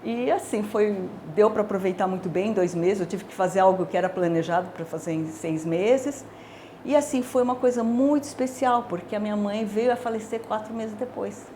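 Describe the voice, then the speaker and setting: Brazilian woman, 60s, professor; mellow mid-pitched voice, thoughtful and halting with fillers. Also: slight background noise. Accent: Brazilian Portuguese. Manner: reflective, hesitant, many filler words. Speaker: dermatology professor. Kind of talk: personal career testimony.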